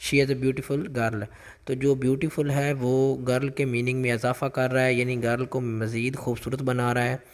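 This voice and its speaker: A man teaching English grammar for a job test, explaining each answer with lots of repetition and reading the English sample sentences out slowly. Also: medium pitch, level tone, in a large hall. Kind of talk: explaining exam questions.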